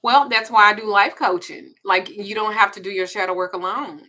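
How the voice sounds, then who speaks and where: A woman's voice: medium pitch, steady tone, brisk, pushed and bright. A woman in her forties with a Southern US accent, hosting a candid, profane, confiding casual chat. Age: 40s. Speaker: host.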